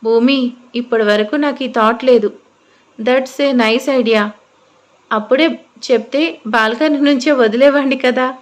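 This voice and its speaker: A woman's voice: high voice, measured pace, long pauses. A woman voicing a teasing, possessive young husband in an audio story. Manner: teasing, smug.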